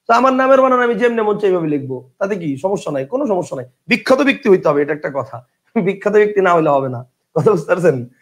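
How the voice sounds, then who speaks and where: A man with a colloquial Bangladeshi Bengali accent runs an online exam-prep grammar class in a fast, sing-song, high-pitched voice. He's chatty, drills rules over and over, checks that students understand, and reads out their questions from the chat.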